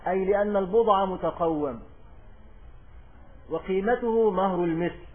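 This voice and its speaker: A man with an Egyptian accent teaches in a high voice, reading quoted lines slowly and loudly before explaining them. He keeps circling back with repeated phrases and rhetorical questions. The lecture comes through a thin, tinny recording. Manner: reads quoted text slowly and louder. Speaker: religious teacher.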